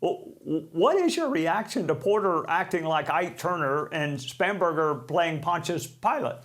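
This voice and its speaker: A man's voice: a little high, lively intonation, unhurried, a bit bright. A man hosting a live TV news interview, with sardonic, mocking asides. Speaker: TV news host.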